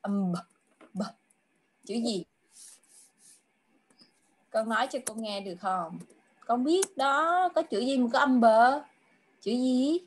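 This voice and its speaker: A woman tutoring a child in an online English lesson over a video call. She coaxes him patiently, repeats her questions, and draws her English clues out slowly. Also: fairly high pitch. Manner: slow, drawn-out English clues.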